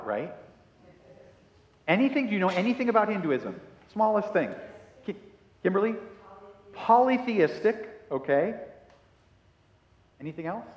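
A man in his fifties, a pastor preaching a sermon on a headset mic, slow and emphatic, asking the congregation questions. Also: fairly high pitch. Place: church sanctuary in front of a brick wall. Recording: roomy hall echo.

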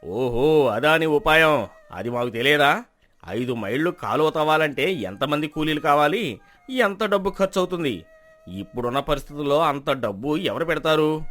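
An actor playing an arrogant village landlord who mocks others with dismissive questions. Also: male voice, a little high, lively intonation, moderate pace, fairly bright tone. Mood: scornful. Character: arrogant middle-aged landlord, scornful and haughty. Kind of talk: storybook drama acting.

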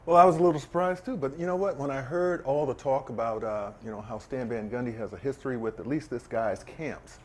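Middle-aged man explaining calmly in studio. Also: medium pitch, a little hiss or hum. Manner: measured, explaining with examples. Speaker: guest, former basketball player and camp director. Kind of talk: casual studio chat. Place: TV sports studio set.

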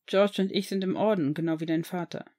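Brief: a warm, easygoing young man, friendly and reassuring, read by a woman in her own voice, audiobook reading. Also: on the low side, fairly even intonation, fairly quick, lightly acted. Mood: earnest. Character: young man, warm cheerful shop owner.

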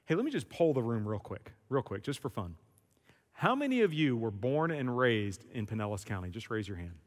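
A man's voice: mid-range voice, sing-song, brisk. A man pastor giving an emphatic, conversational sermon in a church sanctuary. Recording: long church hall reverb.

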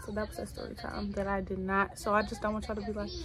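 A woman's voice: mid-range voice, completely flat delivery, quick pace, crowd noise. A woman in her twenties from Tennessee, chatting casually and rambling through a story while doing a self-care routine. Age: 20s. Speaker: vlogger. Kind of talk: casual chat.

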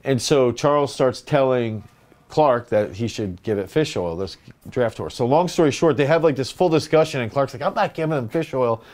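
A man's voice: mid-range voice, lively intonation, normal speed, darkish tone. A man, a strength coach co-hosting a podcast, telling a rambling anecdote in casual chat. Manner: rambling anecdotes with quoted voices.

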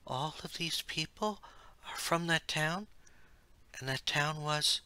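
A man's voice: slow pace, bright, forceful tone, smooth, no room sound, exaggerated voice. A man voicing a young winged woman, earnest and brave, in a storybook reading. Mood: startled. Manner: raised pitch, urgent when alarmed.

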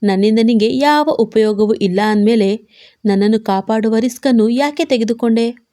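A woman's voice: a little high, normal speed, dark tone, natural voice. Woman voicing a wounded young wife. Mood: plaintive. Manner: plaintive, questioning.

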